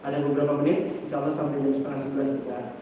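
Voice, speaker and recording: A man, an Islamic teacher, giving a lively parenting lecture and acting out parents and children as he talks. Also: medium pitch, rapid-fire. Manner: animated, acts out parents and children, asks the audience questions. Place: large seminar room. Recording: distant, very echoey hall with faint noise.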